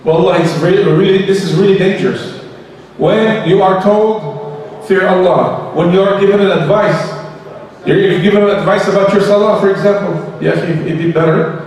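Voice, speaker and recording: A man giving a sermon, animated, acting out the people in his stories and mixing in recitation. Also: sits high, normal speed. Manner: animated storytelling, acts out quoted people; switches between English and Arabic recitation. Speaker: sheikh giving a lecture. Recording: roomy hall recording from a distant mic.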